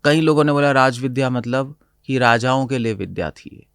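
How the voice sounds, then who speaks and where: Male spiritual teacher, middle-pitched, dry close recording, explains verses mixing Hindi and English. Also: normal speed, vocal fry, smooth, no room sound. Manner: mixes Hindi and English, quotes Sanskrit verses, laughs often. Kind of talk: explaining scripture in conversation.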